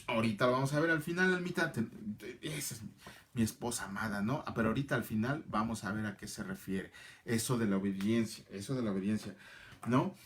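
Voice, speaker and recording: A man's voice: fairly low pitch, fast, slight background noise. A middle-aged man, teaching a casual Bible class and answering viewers by name. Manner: chatty, answers viewer comments by name, repeats phrases.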